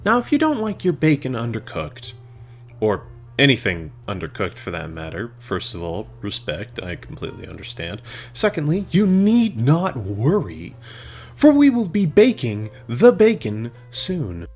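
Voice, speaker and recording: A young man talks viewers through a recipe in a comedic voice-over, his pitch swinging widely from line to line. He slips deadpan jokes between the steps and now and then bursts out in mock exasperation. Soft music plays behind him. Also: measured pace. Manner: deadpan jokey asides, sudden bursts of exasperation. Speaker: cooking video host. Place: home kitchen.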